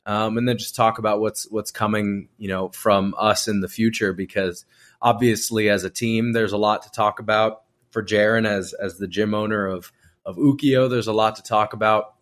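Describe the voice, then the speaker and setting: A podcast host chatting loosely with a friend. He is a man with a fairly low voice and a slight lisp. He rambles and restarts his sentences often. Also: fairly even intonation, normal speed, a bit bright. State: slight lisp from new aligners. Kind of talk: casual podcast chat.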